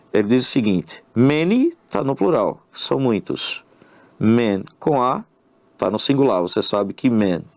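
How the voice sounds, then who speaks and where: A man's voice: mid-range voice, darkish tone, no echo. Male English teacher explaining exam questions. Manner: explanatory, addresses the viewer directly with tag questions. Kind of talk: exam review lesson. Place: online video lesson.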